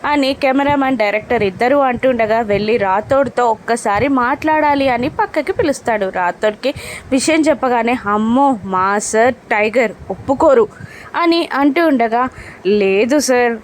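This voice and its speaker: A woman's voice: a little high, moderate pace, slight background noise. A woman narrating a recap of a TV serial episode, lifting her voice for the quoted lines. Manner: retells scenes, voicing quoted lines with a lift.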